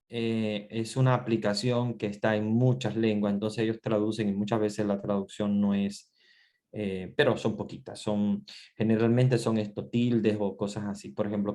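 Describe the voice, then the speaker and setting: A middle-aged priest teaching a Bible class online, talking loosely and informally, stopping to restart his sentences. His voice sits low. It comes through a computer microphone. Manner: relaxed, conversational, many fillers and restarts. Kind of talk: online class lecture with screen sharing.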